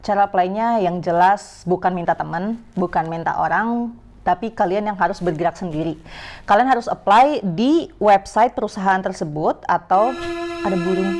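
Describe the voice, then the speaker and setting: A young woman with an Indonesian accent, a vlogger giving job advice, explains things to viewers in a chatty, informal way and often corrects herself. Her mid-range voice is a little mellow, with slight trouble pronouncing some sounds.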